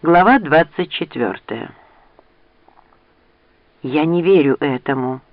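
A man's voice: fairly high pitch, no echo, phone-quality sound. Man narrating an audiobook, dry close sound. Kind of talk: scripted narration.

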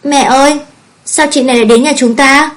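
A woman voicing a clingy little girl who sobs and whines in a high voice, reading a novel aloud. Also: fairly even intonation, a little fast, a bit bright. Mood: tearful whining. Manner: high whiny sobbing pleas.

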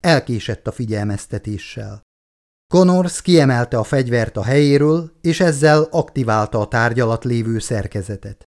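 A man narrating an audiobook in a measured, even reading. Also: mid-range voice. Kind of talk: scripted narration.

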